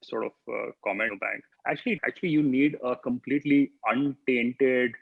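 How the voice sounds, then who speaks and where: Male moderator on a choppy, breaking-up call line; gravelly, dull lo-fi sound, halting delivery. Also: medium pitch, no room sound. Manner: halting, with many fillers. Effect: choppy audio that cuts in and out on a breaking-up call. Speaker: panel moderator. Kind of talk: panel discussion over a video call. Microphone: video call. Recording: dull, dry, lo-fi call audio.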